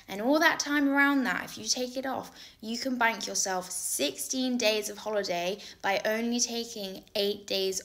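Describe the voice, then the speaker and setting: Bubbly young woman with a bright voice. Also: fairly high pitch. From not Australia. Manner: bubbly, playful, enthusiastic. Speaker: travel company presenter. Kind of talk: upbeat promotional pitch.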